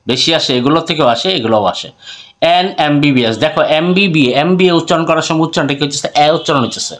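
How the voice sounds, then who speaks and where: A man with a Bangladeshi accent teaching an English grammar lesson. He mixes English phrases into his talk, asks questions and answers them himself, and repeats example words slowly. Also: on the high side, a bit bright.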